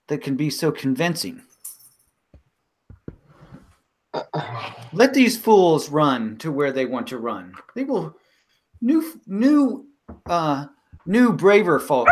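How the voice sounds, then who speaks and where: A man voicing a shrewd older village medicine woman in a tabletop game, talking haltingly with many pauses and a lecturing tone. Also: fairly high pitch, a little hiss or hum. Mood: scornful. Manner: halting, full of ums, lecturing.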